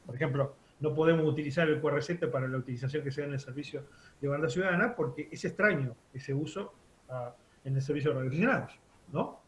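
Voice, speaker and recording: A man's voice: fairly high pitch, fast talker, roomy sound, a little hiss or hum. A man teaching a radio course, explaining step by step with many fillers and restarts. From Uruguay. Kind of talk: online class lecture.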